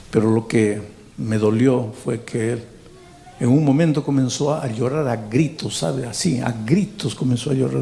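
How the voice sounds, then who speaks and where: Gravelly, mellow-voiced man preaching. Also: mid-range voice. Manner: repeats words for emphasis and speaks straight to the listener. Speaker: pastor. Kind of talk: sermon with personal storytelling.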